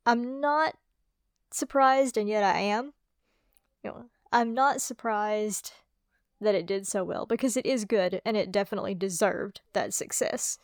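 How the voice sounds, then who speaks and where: An American woman co-hosting a casual album review chat, steady and enthusiastic as she gives her notes. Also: medium pitch, unhurried, dry recording, clean studio sound. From United States. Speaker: podcast co-host reviewing albums.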